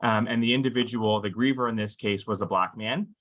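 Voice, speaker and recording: A man presenting a legal webinar for employers, explaining cases in a measured way with frequent "um" fillers and stressed key words. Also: on the low side, a bit bright.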